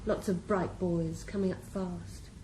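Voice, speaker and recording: In a radio drama, an actress plays a ruthless female drug boss and criminal mastermind, cool, composed and mocking. Her lowish voice stays close to everyday speech, unhurried with fairly even intonation, and the recording has roomy echo and faint hiss.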